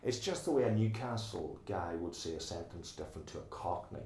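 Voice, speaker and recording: Middle-aged Donegal Irish man, low voice, earnest interviewee in an echoey room with faint hum. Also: expressive, brisk, mellow. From Ireland. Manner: talkative, restarts sentences, earnest. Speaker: oral history interviewee. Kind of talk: recorded oral history interview.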